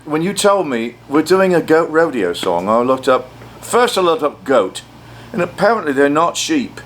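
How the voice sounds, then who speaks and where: A man's voice: on the high side, sing-song, moderate pace, a little hiss or hum. A man, a studio producer, chatting casually with dry, rambling jokes. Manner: dry, joking, rambling asides. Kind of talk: casual interview chat.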